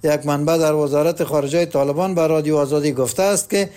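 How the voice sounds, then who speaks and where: A man with an Afghan Dari accent reading the news in a formal, measured scripted delivery. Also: a little high, fairly even intonation, mellow, clean tone. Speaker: newsreader.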